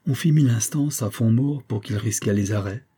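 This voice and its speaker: Guy narrating an old historical story, mellow husky voice, calm and steady. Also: fairly low pitch, fairly quick. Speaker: audiobook reader. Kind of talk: scripted narration of a historical novella.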